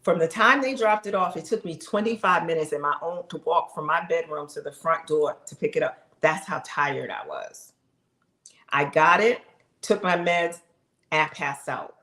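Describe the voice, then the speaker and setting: In an echoey room, a middle-aged live streamer talks at a normal speed about her health journey, addressing viewers head-on in a relaxed, testimony-style way. Her fairly low voice is lively and talkative, full of exclamations and laughter.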